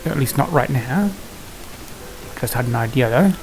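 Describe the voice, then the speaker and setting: Over video game music and a noisy background, a man with an animated mid-range voice gives casual gameplay commentary at normal speed. As a gaming video host, he mostly mutters to himself in an understated manner.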